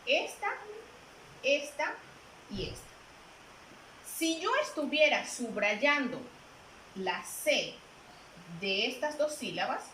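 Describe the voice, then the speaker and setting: A woman's voice: high voice, bright, forceful tone. A woman teacher giving a patient lesson, repeating key points and asking her listeners questions. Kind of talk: classroom lesson. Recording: roomy with faint noise.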